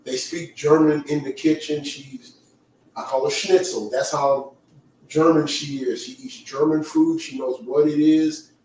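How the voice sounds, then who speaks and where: A man with a fairly high, steady, slightly mellow voice hosts a livestream, chatting casually and teasing the others with quick asides. He is from the Caribbean and speaks with a light lilt. He sits far from the mic in an echoey room, with a little background noise.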